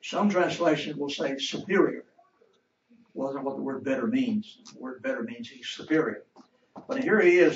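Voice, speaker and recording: A man's voice: on the high side, slight background noise. Man teaching a Bible class, from afar. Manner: asks the class questions and waits for answers. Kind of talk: interactive Bible lesson. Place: church classroom. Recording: roomy, distant, dull church recording.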